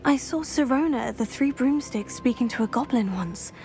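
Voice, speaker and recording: Curious teenage witch student; higher-than-average voice, courteous and direct, fantasy game dialogue. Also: normal speed, darkish tone, slight background noise. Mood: inquisitive. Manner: respectful, clear-headed, direct. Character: polite, inquisitive teenage girl witch student. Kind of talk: cinematic fantasy game voice acting. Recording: faint music behind the voice.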